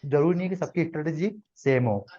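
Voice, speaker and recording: A man's voice: a little high, fairly quick, dark tone, muffled recording. A man teaching a live trading class to students, explaining step by step and often checking that they follow.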